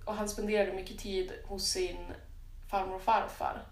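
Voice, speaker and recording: A woman's voice: mid-range voice, level tone. A woman in a casual podcast chat, with a mid-range voice. She talks bluntly and playfully, swearing freely. The room around her sounds echoey. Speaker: podcast co-host. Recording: roomy echo.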